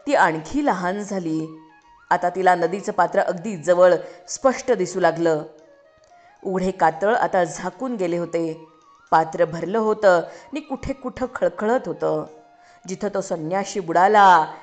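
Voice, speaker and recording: Expressive woman reading a literary story aloud. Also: mid-range voice. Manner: expressive, rises sharply for shouted lines. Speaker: story reader.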